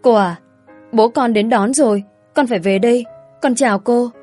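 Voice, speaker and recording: A woman's voice: fairly high pitch, moderate pace, darkish tone, soft background music, natural voice. A woman voicing a polite, helpful young boy in a spoken story. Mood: polite, calling.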